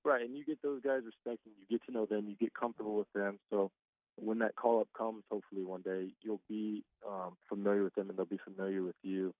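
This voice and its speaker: He's a twenty-five-year-old guest ballplayer with a lowish voice, talking fast and casually on a phone call. The line is tinny and dry with no echo, and he keeps things chatty and relaxed, laughing often.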